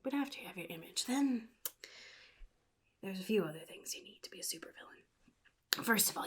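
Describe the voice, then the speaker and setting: A woman voicing the Joker, a chaotic, sadistic male crime mastermind, in a soft-spoken ASMR roleplay with a breathy, halting, casually menacing drawl. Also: lowish voice, full character voice. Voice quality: breathy, husky, gravelly whisper.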